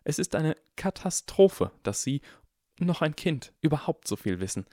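A severe elderly professor , as a man puts her on, speaks in harsh, clipped whispers. The voice sits well above the reader's own low register. The recording is dry and close, as in an audiobook. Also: big pitch swings, normal speed, mellow, no echo. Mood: stern hushed. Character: stern elderly female professor, strict.

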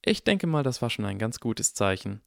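A man's voice: mid-range voice, very animated, moderate pace, gravelly, no echo, clean studio sound. A man voicing a haughty, spoiled aristocratic boy wizard with an arrogant, drawling manner, in an audiobook. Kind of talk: audiobook character voice.

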